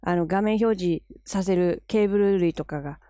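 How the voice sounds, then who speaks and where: A woman vlogging in a casual, chatty way, gushing and quick to laugh as she unboxes gear. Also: on the low side, warm tone, no echo. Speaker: camera vlogger. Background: background music.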